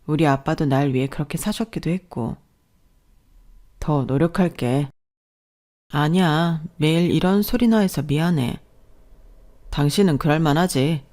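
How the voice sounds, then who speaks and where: A woman voicing a kind, soft-spoken young husband who apologizes and reassures his wife. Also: low-pitched, unhurried, pauses often. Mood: gentle.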